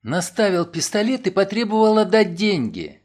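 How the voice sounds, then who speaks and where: Man putting on an anxious young woman, raised voice, breathless, pleading, swooping pitch, audiobook. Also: sing-song, moderate pace, darkish tone. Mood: agitated. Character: anxious young woman robbed of her winnings.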